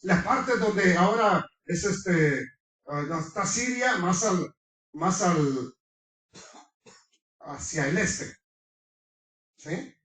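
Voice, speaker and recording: Brief: male preacher, very high and sharp voice, heated sermon delivery, distant mic in a reverberant room. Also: expressive, very slow, long pauses. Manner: fervent, quizzes the congregation, breaks into shouting. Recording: echoey room, far from the mic.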